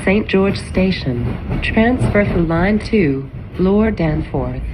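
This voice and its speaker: A woman giving recorded subway station announcements, built from spliced-together words with clipped, even station names, heard inside a moving train. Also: slow pace. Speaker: transit announcer. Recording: onboard train with vehicle noise. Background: train rumble.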